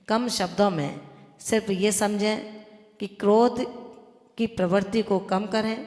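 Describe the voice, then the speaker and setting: A woman's voice: mid-range voice, darkish tone. A woman, a Jain nun, giving an earnest devotional sermon that exhorts listeners and explains with everyday examples. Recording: echoey hall with long reverb.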